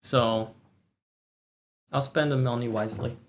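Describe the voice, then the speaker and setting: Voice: medium pitch, fairly even intonation, unhurried. Sarcastic, mock-boastful livestreamer with mid-range voice. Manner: profane. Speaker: livestream host. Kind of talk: casual chat to stream viewers.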